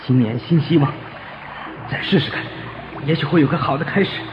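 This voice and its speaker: A man's voice: fairly high pitch, brisk, over music, lightly acted. A man playing a poor, good-hearted young fisherman in a children's audio folktale, with sighs and exclamations. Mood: hopeful. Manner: sighing, exclamatory. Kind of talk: children's audio story acting. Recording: dull, noisy lo-fi recording.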